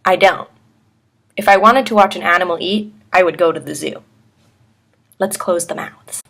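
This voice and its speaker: A woman's voice: fairly low pitch, moderate pace, vocal fry, fairly bright tone. A woman hosting a talk segment, delivering a scripted opinion monologue with emphatic, formally argued phrasing.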